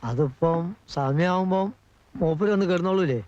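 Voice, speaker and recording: An actor playing a fussy, fearful household helper who gossips dramatically, in a comedy film scene. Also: male voice, high voice, measured pace, darkish tone, no room sound, dull audio. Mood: grumbling. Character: jittery gossiping helper, scared of a lodger. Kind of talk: 1980s film comedy acting.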